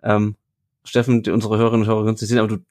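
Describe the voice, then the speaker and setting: A man's voice: lowish voice, completely flat delivery, racing, darkish tone. A man hosting a casual football podcast, chatting with his co-hosts and reading listener comments aloud. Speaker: podcast host.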